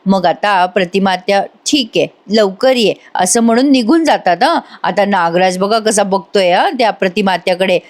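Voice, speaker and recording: A woman's voice: medium pitch, moderate pace, few pauses. A woman giving a chatty voice-over recap of a TV serial episode, talking straight to viewers and adding her own opinions. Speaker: TV serial reviewer.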